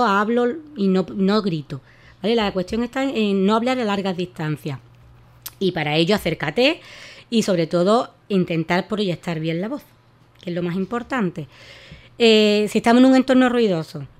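A woman giving voice care advice in a radio interview, explaining with many fillers and restarts. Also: mid-range voice. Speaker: voice therapist guest.

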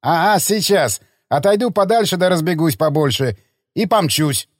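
A man voices a cheerful, quick-witted friend in an audiobook, his voice lifted well above normal and bouncing with friendly quips. The recording is dry and close. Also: on the high side, animated, no echo, voice pushed up. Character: cheerful, jokey man grilling meat.

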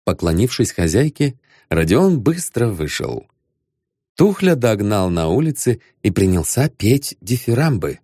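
A man narrating an audiobook with expressive storytelling. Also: fairly low pitch, measured pace, dry recording, clean studio sound.

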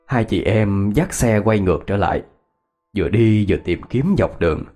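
A man's voice: lowish voice, expressive, moderate pace, mellow, soft background music. A man narrating a ghost story in a reminiscing storyteller's cadence.

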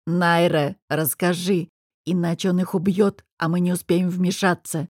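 A woman's voice: on the low side, flat delivery, measured pace, darkish tone, no echo, clean studio sound. A woman reading an audiobook, voicing a stern, commanding young male mage who gives curt, firm orders.

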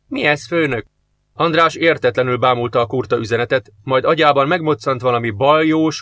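A man narrating an audiobook in a steady, measured reading. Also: mid-range voice, no echo. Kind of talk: scripted narration.

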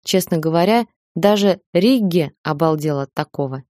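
A gruff, brooding male guardian who grumbles and speaks gloomily, as a woman reads him. The voice is low and warm, with a dry, close sound. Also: animated, moderate pace, dry recording, close to an everyday voice. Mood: gloomy.

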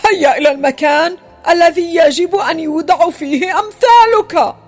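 A woman voicing a rough, scornful male policeman in a children's audio drama, barking orders. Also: very high voice, moderate pace, soft background music. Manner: shouting, contemptuous.

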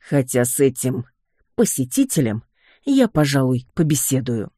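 A reader voicing a calm, dryly affectionate young sorcerer who heads his clan, in an audiobook. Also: medium pitch, unhurried, no echo, clean studio sound. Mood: tender.

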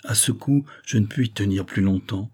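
A man giving a measured, literary scripted narration of a novel as an audiobook reader. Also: fairly low pitch, a little mellow, slightly rough.

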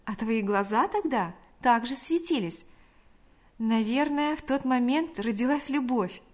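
A woman's voice: on the high side, expressive, measured pace. A woman reading an affectionate young woman. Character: caring, warm-hearted young woman. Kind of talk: audiobook reading.

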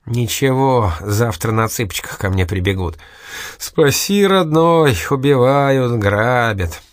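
A man reading aloud and voicing a gruff, short-tempered male gangster in an irritable manner. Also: lowish voice, expressive, moderate pace, no echo, clean studio sound.

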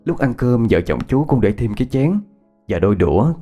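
A man, narrating a ghost story in a measured, unhurried way. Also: mid-range voice, sing-song, mellow. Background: faint instrumental music.

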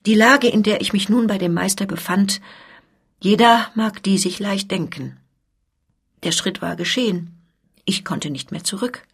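A woman gives voice to an anguished young journeyman in a literary reading. He confesses earnestly and with agitation. The voice is husky, at a middling pitch. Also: measured pace.

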